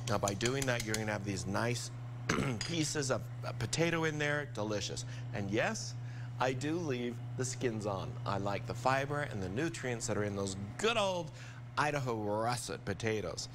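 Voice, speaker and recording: An older TV chef walks viewers through a recipe in a studio kitchen during a live cooking demo, upbeat and enthusiastic. His voice is medium in pitch, with background noise present.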